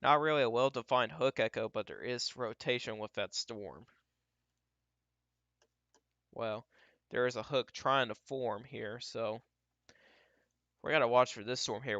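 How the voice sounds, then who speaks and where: A man giving casual, off-the-cuff live weather radar commentary as a livestream storm tracker, halting and repeating himself as he talks through what he scans. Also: medium pitch, a bit bright, dry recording, lo-fi sound. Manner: talks to himself while scanning, halting and repetitive.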